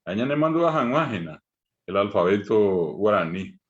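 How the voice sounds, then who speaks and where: Male language teacher, low-pitched, patient, repeats each sound, lo-fi muffled recording. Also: big pitch swings, a bit bright. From Paraguay. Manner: slow, patient, repeats sounds for students to copy. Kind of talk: online language lesson. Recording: muffled lo-fi audio.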